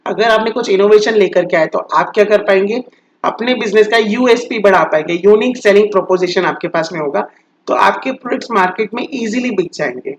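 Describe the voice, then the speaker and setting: A male commerce teacher giving a lecture. He explains step by step, often asks a question and then answers it himself, and reads out English definitions slowly, as if dictating. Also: sits high. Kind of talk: recorded classroom lecture. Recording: dull lo-fi sound.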